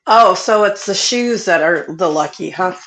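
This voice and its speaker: A middle-aged woman talks casually in a squeaky, stuffed-up voice, as if through a sinus cold. Her pitch sits a little low for a woman, and she chats informally as a livestream guest. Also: expressive, moderate pace, fairly bright tone. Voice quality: squeaky, congested voice from a sinus infection. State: congested with a sinus infection. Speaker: livestream guest chatting with viewers. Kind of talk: casual chat.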